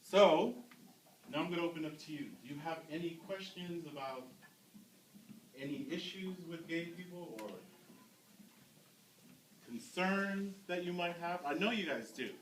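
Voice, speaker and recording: A man's voice: on the high side, unhurried, long pauses. A man telling stories to a youth class as a community speaker, often asking the audience questions. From United States. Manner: storytelling, asks the audience questions. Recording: roomy, from a distance, faint noise.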